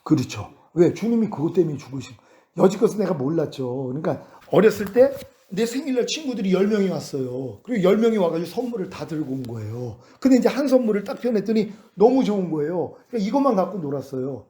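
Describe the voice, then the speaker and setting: Man, pastor, sermon, animated acted-out dialogue, high-pitched, warm mellow tone. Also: fast.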